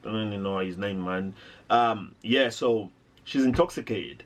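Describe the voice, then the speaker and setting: A man's voice: lowish voice, moderate pace. Indignant man reacting to a clip. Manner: indignant, rambling with fillers and restarts. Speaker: reaction video host. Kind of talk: reaction commentary.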